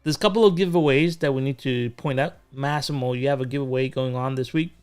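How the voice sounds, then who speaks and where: A man's voice: medium pitch, quick pace, clear, resonant tone, faint music behind. A man hosting a casual livestream chat, rambling with plenty of fillers and restarts. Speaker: host.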